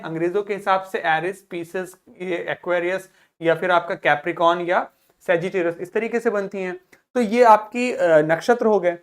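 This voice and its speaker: A woman teaching a vocabulary lesson to students, explaining terms, asking check questions and repeating each word slowly for pronunciation practice. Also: medium pitch. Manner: drills pronunciation by slow repetition; asks rhetorical check questions.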